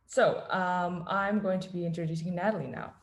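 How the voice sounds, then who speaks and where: A woman from Canada opens an online reading with a slightly low voice. She talks haltingly, filling gaps with ums, over a video call. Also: fairly even intonation, noisy background. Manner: many ums and pauses, soft-spoken. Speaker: event host. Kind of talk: hesitant live introduction over video call.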